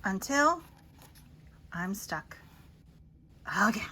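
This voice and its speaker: A woman storyteller reads children's picture books aloud in a husky, mid-range voice. Her reading is theatrical and expressive, with dramatic pauses and emphasis.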